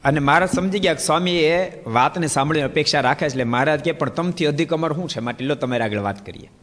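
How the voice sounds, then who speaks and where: A man's voice: a little high, quick pace, in a large hall. A man with a Gujarati accent giving a sermon, telling stories and acting out the dialogue. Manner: animated storytelling, acting out dialogue. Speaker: preacher. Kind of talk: sermon with storytelling.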